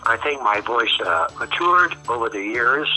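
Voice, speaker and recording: An older man from the American South who trained toward a General American accent, answering interview questions about his voice-over career in a measured, reflective way with frequent pauses. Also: medium pitch, animated, bright, forceful tone, soft background music, low-quality recording. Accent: General American with faint Southern traces. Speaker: voice-over artist, guest.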